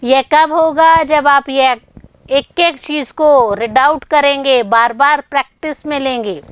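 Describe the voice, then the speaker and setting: High-voiced woman teaching grammar, unhurried. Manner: addresses students as children, asks and answers her own questions; reads English lines slowly and deliberately. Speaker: English teacher. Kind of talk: online grammar lesson.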